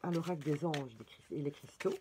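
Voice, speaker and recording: A woman's voice: deep voice, brisk, noisy background. A woman with a Belgian French accent giving a casual oracle card reading for viewers, chatting and correcting herself as she goes. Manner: chatty, self-correcting, thinking aloud. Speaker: tarot and oracle card reader.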